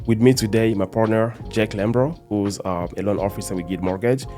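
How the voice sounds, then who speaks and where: A man's voice: lowish voice, brisk, dark tone, faint music behind. A man from DR Congo, a real estate agent, hosting a casual podcast chat with many fillers.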